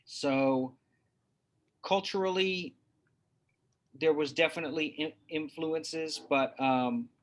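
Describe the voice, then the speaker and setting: A father from New Hampshire, USA, talks reflectively as an interview guest, hunting for words and restarting often. His voice is on the high side, and he goes slowly with frequent pauses.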